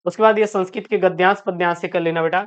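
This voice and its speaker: Her voice runs on the low side, with fairly even intonation and a clean tone. During an online exam-prep class she calls the students "beta," reads questions aloud and often repeats them before answering, all in a quick, explanatory style.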